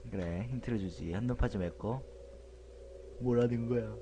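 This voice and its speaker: A man streaming a horror game with comic commentary, grumbling and shouting at the game and chatting with viewers, over loud game music. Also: mid-range voice, normal speed, noisy background. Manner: excitable, yells and grumbles at the game, chats with viewers.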